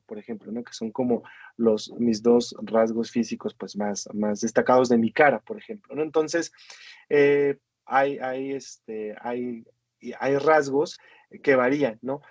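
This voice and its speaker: A man with a Mexican Spanish accent lectures in a halting way, filling pauses and often checking in with a tag question. The recording is dull and muffled. It sounds dry, with no room around the voice. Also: medium pitch, darkish tone, dry recording. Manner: hesitant, many fillers and tag questions.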